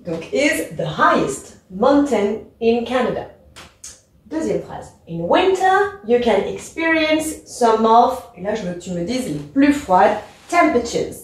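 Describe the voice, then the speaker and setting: A woman with a French accent teaches grammar slowly and patiently, walking through each point step by step. Her voice sits a little high. It is recorded from some distance in a very echoey room. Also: big pitch swings. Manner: clear, patient step-by-step explaining. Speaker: English teacher. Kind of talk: explaining a grammar lesson.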